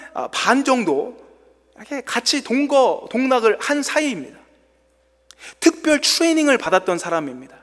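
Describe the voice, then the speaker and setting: A male pastor delivers a sermon in a church, his voice sitting high and swinging widely in pitch as he tells the story with dramatic flair. A long reverb from the hall trails behind his words. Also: a bit bright.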